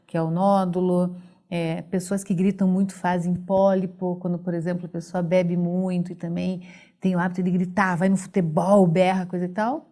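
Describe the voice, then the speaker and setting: A woman's voice: on the low side, level tone, moderate pace, warm tone. A woman speaking as a voice therapist on a radio talk show, explaining patiently with everyday examples. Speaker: voice therapist guest.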